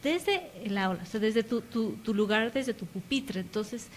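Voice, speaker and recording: A woman's voice: on the high side, animated, a little slow, a little hiss or hum. A woman hosting a radio interview, chiming in with short agreeing remarks. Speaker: radio host.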